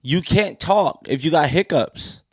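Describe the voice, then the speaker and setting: A man's voice: a little high, expressive, a little slow, darkish tone, breathy edge, no room sound, clean studio sound. A man co-hosting a casual podcast, trading joking, profane banter. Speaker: podcast co-host.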